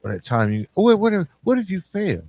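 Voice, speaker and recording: Telling stories and hammering home repeated key phrases, this male podcast host delivers an emphatic, colloquial motivational monologue in informal address. His high-pitched, sing-song voice is a little mellow and fairly quick, with no room sound.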